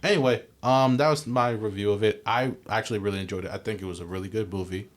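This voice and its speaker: Young male podcast co-host, very low voice, loose rambling delivery full of "like" and "um". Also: steady tone, quick pace. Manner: rambling, filler-heavy, lots of restarts. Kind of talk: casual chat.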